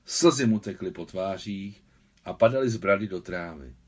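Husky-voiced man reading a novel aloud. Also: low-pitched. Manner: expressive storytelling. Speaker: translator reading his translation. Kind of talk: audiobook reading.

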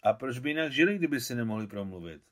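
A man's voice: medium pitch, animated, a bit bright, close to an everyday voice. A man reading aloud, voicing an old male fisherman who patiently teaches a group of boys to fish.

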